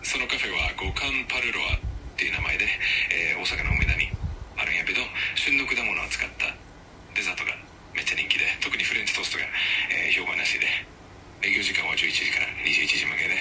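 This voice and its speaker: A male AI assistant voice, low and gravelly with a fast, bright delivery. He stays polite and earnest, with stiff, formal phrasing even when he slips into a put-on Kansai dialect. The voice sounds somewhat distant from the mic, over a faint hiss. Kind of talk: polite scripted assistant chat.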